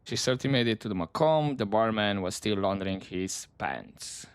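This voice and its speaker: A man's voice: lowish voice, expressive, normal speed, clean tone, no room sound. A man giving casual let's play commentary, musing to himself as he plays.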